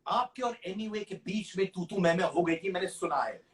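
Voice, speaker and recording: A man's voice: high voice, animated, moderate pace, recorded from a distance. A man hosting a casual live-stream interview, effusive and reading out viewer comments and greetings.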